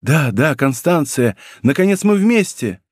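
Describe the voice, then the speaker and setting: A man's voice: on the high side, big pitch swings, a little slow, a little mellow, no room sound. A fiery young swordsman, raised and urgent, his voice swinging widely, read by a male narrator. Every line is flung out as an exclamation. The recording is close and dry. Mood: tender. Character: young male hero, passionate, impulsive, desperate. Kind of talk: audiobook role reading.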